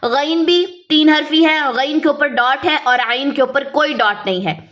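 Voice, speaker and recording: A woman with a high, bright voice teaches a beginners' class step by step. She explains each point patiently, then sounds out letters slowly and draws them long. Her tone stays clear and instructive. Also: soft background music. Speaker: Quran reading teacher. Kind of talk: step-by-step lesson.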